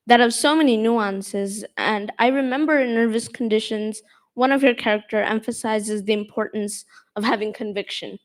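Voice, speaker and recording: Earnest woman moderator, bright-pitched. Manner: earnest and admiring, slightly halting. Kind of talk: reading an introduction, then asking interview questions.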